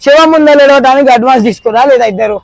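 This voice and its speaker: A young man with a Telangana Telugu accent talks fast in a very high voice. He is pushy and insistent and keeps repeating himself as he runs a prank outdoors. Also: slight background noise, low-quality recording. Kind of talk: prank conversation.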